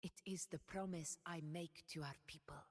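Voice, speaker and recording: A woman voicing Augusta, a proud and steadfast warrior ruler, speaking her game voice lines in a solemn, measured, regal way. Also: fairly low pitch, steady tone, darkish tone, in a large hall, natural voice.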